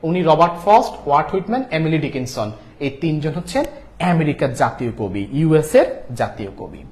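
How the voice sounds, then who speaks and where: Male exam-prep tutor, high-pitched, drills facts by repetition; roomy echo. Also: lively intonation, fairly quick, darkish tone. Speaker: teacher.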